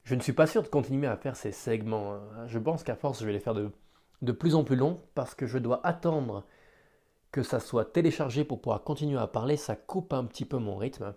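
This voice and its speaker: A man improvising a solo podcast, hesitant and self-deprecating as he thinks aloud, with careful, deliberate articulation. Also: medium pitch, warm tone. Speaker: amateur podcast host.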